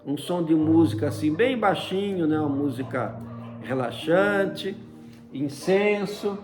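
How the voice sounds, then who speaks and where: A storyteller recounts a personal experience over music, speaking a little slowly in an expressive, higher-pitched male voice. His casual, chatty telling is full of "né?" tags and affectionate diminutives.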